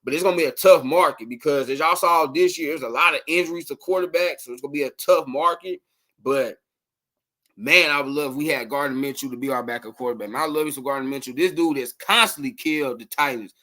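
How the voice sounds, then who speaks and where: Male sports podcast host, slightly raised pitch, casual rambling livestream talk. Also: fast talker. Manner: rambling, animated, addresses viewers as y'all.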